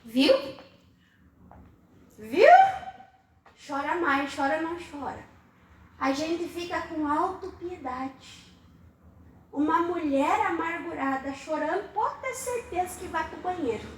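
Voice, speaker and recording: A woman's voice: very high-pitched, takes it slowly, long pauses, slight background noise. A woman preaching a sermon, emphatic, repeating phrases and firing questions at the congregation. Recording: echoey room.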